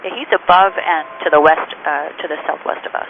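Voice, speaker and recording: A pilot over the radio, a man with a high voice making brisk calls and small hesitations. He talks fast. His voice arrives through a thin, hissy radio channel. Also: fairly even intonation. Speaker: airline pilot. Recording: tinny noisy radio channel.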